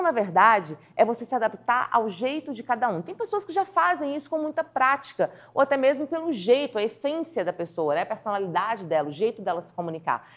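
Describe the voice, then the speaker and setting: A woman teaching communication skills in a lively video lesson, acting out little scenes as she goes. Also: fairly high pitch. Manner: animated, acts out little scenes in quotes. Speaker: communication coach.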